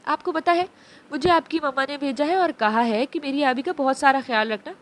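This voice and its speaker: A woman voicing a gentle young woman who soothes a grieving child in a soft, tender way. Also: high-pitched, expressive, moderate pace, slight background noise. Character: gentle young woman, loving new stepmother.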